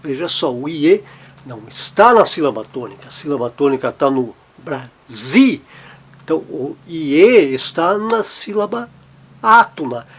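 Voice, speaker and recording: A man teaching a language lesson, explaining sounds and slowly repeating each example word. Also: fairly high pitch, animated, breathy edge. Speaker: German teacher.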